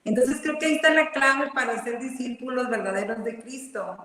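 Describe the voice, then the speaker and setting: Mujer reflexiva en sala con mucho eco. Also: female voice, high-pitched, moderate pace, a bit bright, far from the mic. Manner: reads a quote, then reflects earnestly. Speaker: panelist. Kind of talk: reflective religious commentary. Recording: echoey room with long reverb.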